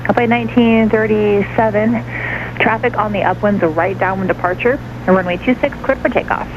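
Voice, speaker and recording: A man's voice: high-pitched, steady tone, brisk. A man working as an air traffic controller, heard over an aircraft radio and giving clipped, businesslike instructions. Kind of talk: rapid radio phraseology. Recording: muffled radio with engine noise.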